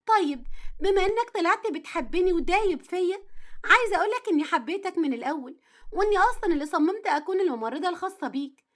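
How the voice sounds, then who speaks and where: A woman as a lively Egyptian young wife. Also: very high-pitched, quick pace. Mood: teasing. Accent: Egyptian Arabic. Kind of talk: storytelling audio drama.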